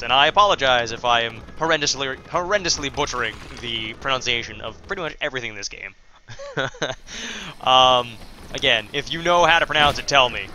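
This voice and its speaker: A man's voice: medium pitch, sharp tone, slight background noise. A man giving casual, rambling commentary while playing a video game, full of fillers and self-deprecating asides. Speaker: let's play host.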